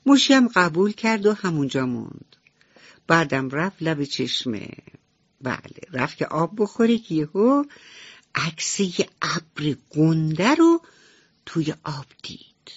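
A woman's voice: deep voice, very animated, slightly rough, no echo. A woman storyteller reading a radio bedtime story to children, sing-song and tender. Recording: slightly dull radio recording.

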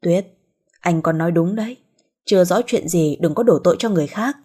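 A woman's voice: lowish voice, brisk, dark tone, husky. A woman voicing a worried middle-aged father who soothes and pleads.

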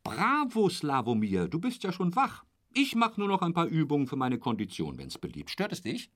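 In a German radio drama, an actor plays a garrulous, boastful travelling salesman who rambles in a chummy, hearty way, leans on a pet polite phrase, corrects himself, and sometimes sinks to a breathy murmur. His heavily acted voice runs on the high side with huge pitch swings, a moderate pace and a slightly bright tone.

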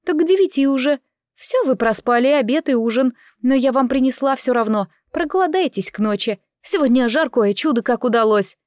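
A woman voicing a bustling, chatty chambermaid who fusses and exclaims in folksy speech, pitched well above her own voice. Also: animated, fairly quick, darkish tone, dry recording, studio quality. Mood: fussing. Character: bustling kind-hearted female chambermaid, chatty and fussy.

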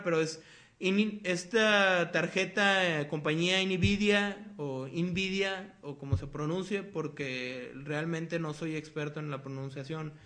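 A man's voice: high voice, fairly bright tone. A young man with a Mexican accent hosting a casual podcast, talking in a loose, rambling way full of slang and swearing. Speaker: podcast host.

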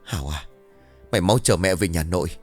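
A man's voice: sits low, brisk, faint music behind, pitched below the performer's own voice. A man voicing a fierce, bossy middle-aged village mother who scolds her children in a harsh, urgent way. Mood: pleading.

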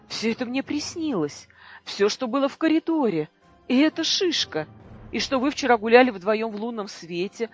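A reader voicing a furious young boy who defies his mother, with a shouting, indignant voice that breaks. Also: medium pitch, voice pushed up.

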